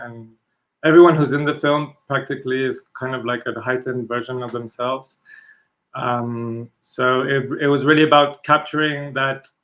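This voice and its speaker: A man speaks in an even, level tone that barely rises or falls. He answers questions slowly and haltingly, restarting phrases as he searches for the right words. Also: mid-range voice, rough recording. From Mallorca, Spain. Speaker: film director. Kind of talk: panel answers.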